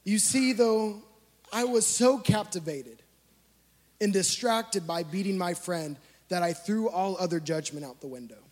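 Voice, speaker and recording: A man telling a funny personal story as a sermon to a youth gathering, animated and self-mocking. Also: high-pitched, measured pace. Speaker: youth speaker. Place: large church hall. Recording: long hall reverb.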